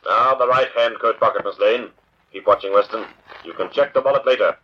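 An actor playing an invisible crime fighter in an old radio drama, taunting and commanding, with a husky voice. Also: male voice, fairly low pitch, highs cut off, a little hiss or hum, lightly acted. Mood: stern, commanding. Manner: slow taunting, commanding delivery. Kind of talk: vintage radio drama acting.

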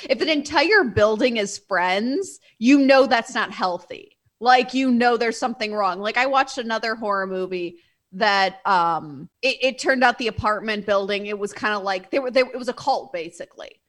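Animated young woman, higher voice. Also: moderate pace. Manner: animated, acts out characters' lines with exaggerated voices. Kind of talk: casual movie discussion.

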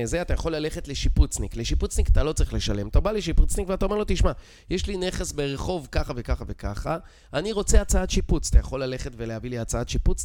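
A man's voice: a little high, a little mellow. A middle-aged man with an Israeli accent talks in an informal, explanatory way. He is insistent and teacherly, punctuating his points with short check questions. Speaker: real estate expert guest. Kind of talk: casual explanatory conversation.

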